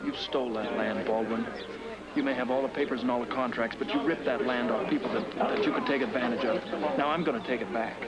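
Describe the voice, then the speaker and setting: An actor playing a cool, sarcastic mayor-elect in a 1980s daytime soap. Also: male voice, mid-range voice, fast talker, over a noisy crowd, close to an everyday voice. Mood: contemptuous. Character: sardonic righteous male politician. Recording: loud music under the dialogue.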